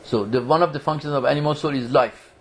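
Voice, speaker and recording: A man whose voice is on the high side speaks at a quick pace. He leads a small religious study group in a community foundation lecture room, talking conversationally, questioning the audience, and often restarting his sentences.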